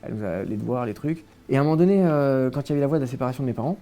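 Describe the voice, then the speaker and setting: A man's voice: mid-range voice, expressive, very fast, dark tone. A young man from France, a guest in a casual interview, recounting his childhood with many hesitations and restarts.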